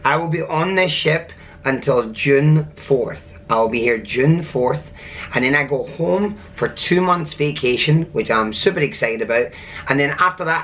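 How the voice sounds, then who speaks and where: A man's voice: mid-range voice, fairly bright tone, slight background noise. A man talking casually to his vlog viewers in an upbeat, enthusiastic way, like a cruise director.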